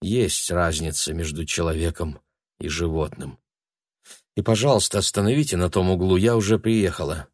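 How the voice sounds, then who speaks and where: A man's voice: deep voice, moderate pace, darkish tone, no echo, studio quality. A man voicing a shaken young woman. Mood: firm. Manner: strained, indignant.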